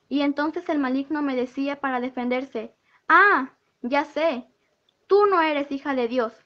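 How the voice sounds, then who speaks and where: A woman with a high voice recounts a spiritual vision as an earnest testimony. She keeps quoting the dialogue word for word. The recording sounds dull and lo-fi. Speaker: church member giving a testimony.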